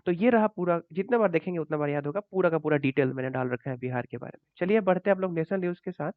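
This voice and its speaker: A man's voice: fairly high pitch, fast talker, no room sound. A man teaching current affairs for exams over slides, in a conversational way that keeps checking in with "ठीक है". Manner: conversational, repeats points and adds checks like "ठीक है". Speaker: exam coaching teacher. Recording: tinny phone-like dry audio.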